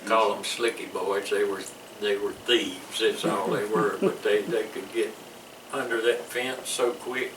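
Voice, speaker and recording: A man's voice: lowish voice, steady tone, unhurried, hardly any pauses. An older man, a veteran telling rambling stories in an interview with frequent restarts and chuckles. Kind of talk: reminiscing interview. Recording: roomy distant mic with background noise.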